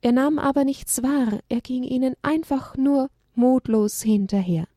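A woman reading a children's story aloud, expressive and dramatic. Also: sits high, unhurried, no room sound, studio quality.

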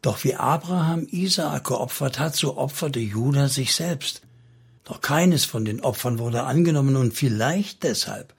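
A man's voice: medium pitch, measured pace, gravelly, breathy edge, heavily acted. Man reading as a humble devout young girl. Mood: hushed.

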